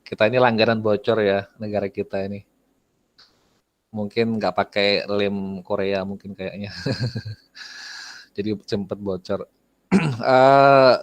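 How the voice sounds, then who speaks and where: Male teacher, online lesson, lowish voice, very dry sound, chatty and quizzing the class. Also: dry recording. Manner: chatty, asks students questions, clears throat often.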